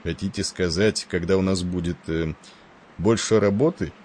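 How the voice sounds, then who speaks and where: A man's voice: deep voice, normal speed, a little mellow. A man voicing a stern, curt male ship captain in an audiobook. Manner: curt and irritable.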